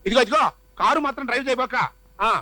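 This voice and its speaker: A man's voice: very high voice, racing, pushed and bright, dry recording, exaggerated voice, rough recording. An actor playing a fussy, theatrical rich father who dotes on his daughter. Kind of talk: Telugu film comedy acting.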